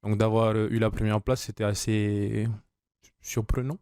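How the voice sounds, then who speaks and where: A young man speaks modestly, with hesitations and fillers. His voice is low, smooth and resonant, and it sounds dry and close in the studio. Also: level tone, normal speed, darkish tone, no echo. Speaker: young craftsman, contest winner. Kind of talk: studio interview.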